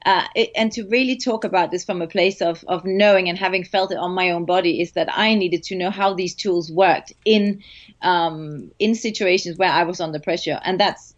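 A woman's voice: fairly low pitch, normal speed. A woman with a Danish accent, a hypnotherapist and meditation teacher, talking reflectively in a casual interview. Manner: warm, reflective, with light laughs and fillers. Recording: dull lo-fi audio.

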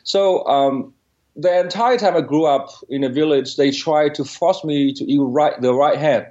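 A man's voice: a little high, a little slow, darkish tone, dull audio. A man in his forties from northern Vietnam with a Vietnamese accent, an interview guest earnestly recounting his past, often repeating words as he searches for them. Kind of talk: storytelling in an interview.

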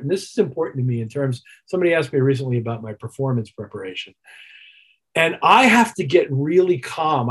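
A man with a husky, medium-pitched voice is a keyboard player being interviewed as a musician guest. He sounds reflective and conversational, repeating phrases for emphasis.

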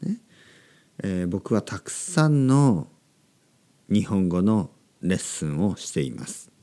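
A man hosting a podcast for learners of Japanese, speaking slowly in simple words and repeating them, with a slightly sore throat. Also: low-pitched, big pitch swings, mellow. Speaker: podcast host teaching Japanese. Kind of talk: slow, simple podcast talk for language learners.

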